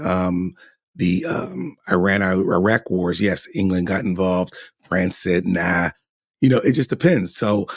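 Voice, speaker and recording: A man's voice: low voice, slightly rough, no echo, studio quality. A middle-aged man hosting a podcast, giving chatty, meandering, opinionated commentary. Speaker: podcast host. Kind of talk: casual commentary.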